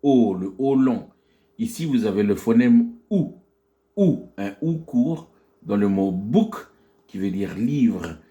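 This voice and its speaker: A man's voice: on the low side, animated, slow, warm tone, muffled recording. A man teaching a phonetics lesson, explaining with many fillers and restarts and stretching out English words to model their pronunciation.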